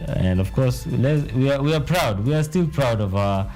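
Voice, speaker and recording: A man's voice: mid-range voice, expressive, a little mellow, faint music behind. A man with a Kenyan English accent, a news anchor giving a chatty, rambling sign-off from a TV studio. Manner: chatty and rambling, with restarts and drawn-out lists. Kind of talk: unscripted sign-off of a news bulletin.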